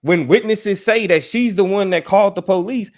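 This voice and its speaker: A man with a high voice, speaking at a moderate pace, hosts a show recapping a debate in a casual style. He talks conversationally and keeps checking in with "right?" and "you know what I mean."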